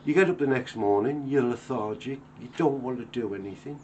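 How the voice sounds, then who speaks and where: A man in his fifties talks to the camera from his home workshop. His voice sits at an ordinary middle pitch, and his speech is plain-spoken and earnest as he reflects. A faint background hum runs under his voice. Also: brisk, a little mellow, muffled recording. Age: 50s. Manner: earnest, plain-spoken, acts out everyday dialogue. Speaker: woodworker.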